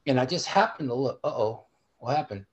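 A middle-aged man tells a rowdy story with animated energy and plenty of swearing. He talks in a casual podcast chat and joins over a remote call. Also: mid-range voice, a little fast. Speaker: podcast guest, host's father. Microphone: remote call setup.

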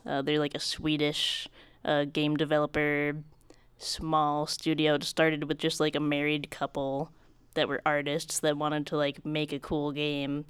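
A young woman chatting casually about games, talkative and quick, laughing often and filling with "like". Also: low-pitched, monotone, clean tone, no echo.

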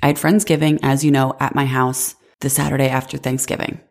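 A woman in her twenties hosts a casual solo podcast while sick and congested, sounding nasal. Her very deep, darkish voice comes out flat and fairly quick, and she chats away with frequent "like" fillers.

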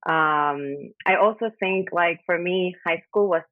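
A woman's voice: on the low side, measured pace, no echo. Puerto Rican woman on a phone line. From Puerto Rico. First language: Spanish. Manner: frequent ums, searching for words. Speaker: guest engineer. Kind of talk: casual interview answers.

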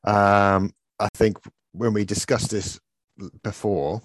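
A male podcast host in casual fan chat, measured and musing, often poking fun at himself. His voice sits fairly low and sounds dry and close, with no room echo. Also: steady tone.

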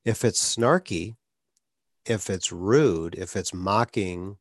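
A man with a low voice hosts a conversational interview on his podcast, speaking slowly and earnestly as a speech clinician and advocate, with occasional stuttered blocks. The studio sound is clean with no echo.

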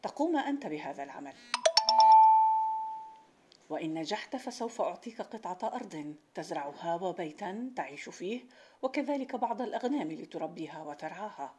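A woman reading the part of a rich, bored merchant who is quick to anger, speaking in a stern, commanding way in a storybook narration. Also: on the low side, sing-song, over music. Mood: challenging.

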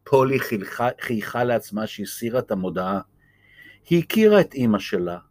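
A man reading a children's chapter book aloud in a gentle, lively way. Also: on the low side, no room sound. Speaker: storyteller.

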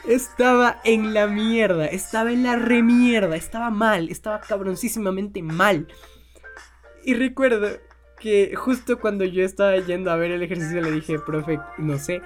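A man's voice: high-pitched, normal speed, soft background music. A young man casually telling a personal story, swearing freely and laughing often.

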